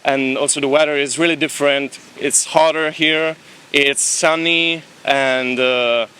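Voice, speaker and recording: On an outdoor beach, a young adult from Italy talks about his travels in a relaxed street interview, laughing as he goes. He sounds a little high and steady, unhurried, with a pushed, bright quality and a faint hiss or hum in the audio.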